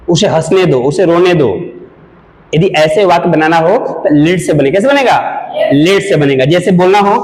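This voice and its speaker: A man with a Hindi accent teaches English to a class, nearly shouting and firing the same question at his students again and again. His voice sits high, and it rings around an echoey classroom. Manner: loud and drilling, repeats questions to the class. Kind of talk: classroom lesson.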